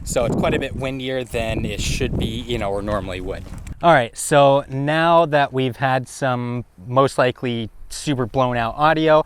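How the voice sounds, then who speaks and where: On a windy hilltop, a man hosting a review video gives casual, explanatory commentary while testing a camera, talking into the action camera's built-in mic. His voice is mid-range and a little slow, and loud wind noise heavily intrudes on the outdoor recording.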